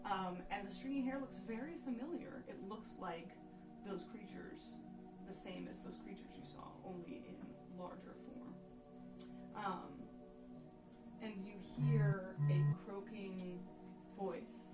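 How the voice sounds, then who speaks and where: A woman's voice: medium pitch, measured pace. A woman working as game master, narrating a scene for players in a live tabletop game. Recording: echoey room, distant mic, music behind.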